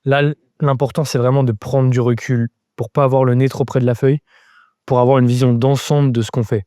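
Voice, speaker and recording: A man's voice: mid-range voice, little pitch movement, a little fast, mellow, no room sound, clean studio sound. A man giving a live-stream drawing lesson, thinking aloud step by step as he sketches and chatting casually with viewers. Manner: answers chat viewers casually. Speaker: drawing teacher.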